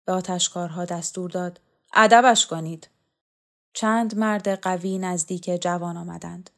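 A woman with a lowish, creaky voice narrates a novel as an audiobook reader, keeping a measured, even storytelling manner.

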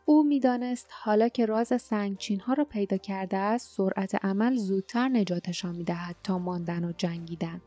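Woman narrating an audiobook, mellow tone. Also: mid-range voice, hardly any pauses, soft background music.

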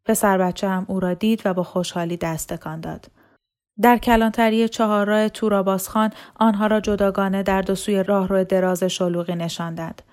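A woman storyteller reading a novel aloud in a steady, measured way. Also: medium pitch. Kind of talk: scripted narration of a novel.

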